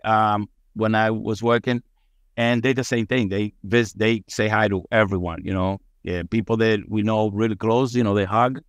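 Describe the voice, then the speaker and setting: A man's voice: on the low side, dry recording, studio quality. A middle-aged man, a firefighter guest on a podcast, telling his story in a rambling, upbeat way and swearing freely.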